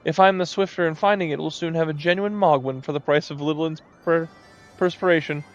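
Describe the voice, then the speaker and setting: A fussy creature with the airs of a dowager duchess, voiced by a man, pitched high. This game villager is snooty and gossipy, arch in every phrase, over faint music. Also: fairly even intonation, fast, lo-fi sound, natural voice. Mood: eager, arch.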